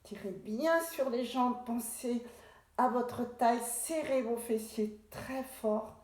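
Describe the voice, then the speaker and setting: Slow, calm woman guiding Pilates. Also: medium pitch. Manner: calm, unhurried cueing with breathing prompts. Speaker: Pilates instructor. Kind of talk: guided exercise class instruction. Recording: very echoey room.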